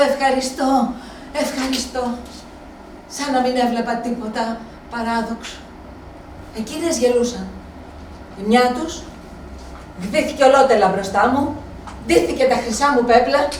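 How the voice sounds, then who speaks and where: A woman's voice: high voice, long pauses, darkish tone, a little hiss or hum, close to an everyday voice. An actress performing a live stage monologue as an aging Helen, a faded proud woman alone, brooding, weary and bitter. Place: small theatre space. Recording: echoey room from far off.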